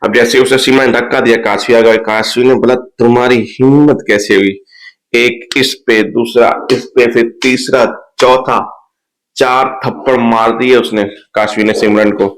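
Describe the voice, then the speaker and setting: A man's voice: mid-range voice, level tone, a little slow, poor audio. A man casually retelling a TV serial episode, quoting each character's lines in his own voice. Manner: retells scenes, quoting characters after "bola". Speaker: episode recap narrator.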